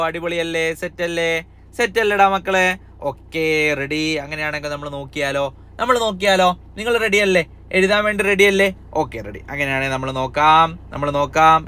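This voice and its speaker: Bright, crisp cheerful teacher man. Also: a little high. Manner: cheerful, coaxing, asks kids many questions. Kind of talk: upbeat exam-prep lesson for young children.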